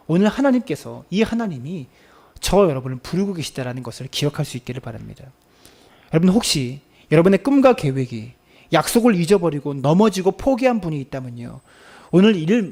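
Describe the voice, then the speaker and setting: A man's voice: high-pitched, creaky. A male pastor giving a Sunday sermon in church, earnest, repeating phrases for emphasis and addressing the congregation directly. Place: church sanctuary.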